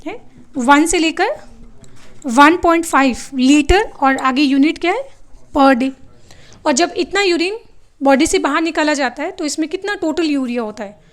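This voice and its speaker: A woman with a high-pitched voice teaches a biology lecture a little slowly, asking her students questions and then answering them herself. She frequently switches to English terms, calls the students "beta," and tells them to write things down.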